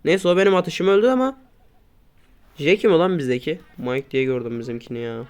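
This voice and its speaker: A man doing casual gameplay commentary, grumbling and swearing at his teammates, then breaking into sudden loud outbursts. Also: on the high side, brisk, clear, resonant tone. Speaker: gaming YouTuber.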